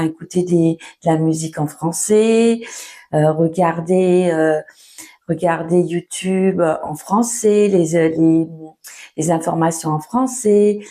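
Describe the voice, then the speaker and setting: A young woman giving a casual, patient French lesson at home, often pausing with fillers and restarting her sentences. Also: fairly low pitch, dark tone. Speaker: French teacher. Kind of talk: casual spoken lesson for learners.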